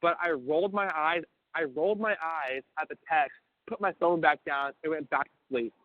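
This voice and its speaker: Young man, fairly high voice, tinny prison phone line, casual storytelling, swears a lot, repeats words. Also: moderate pace, dry recording. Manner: profane, stammering restarts, acts out quoted voices. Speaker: caller telling a story.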